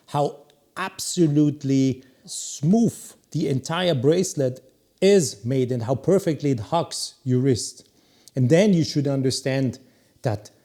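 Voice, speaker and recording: Slow, mellow-voiced man. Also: mid-range voice. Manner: opinionated, emphatic, drawn-out pauses. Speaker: watch reviewer. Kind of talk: product review talk.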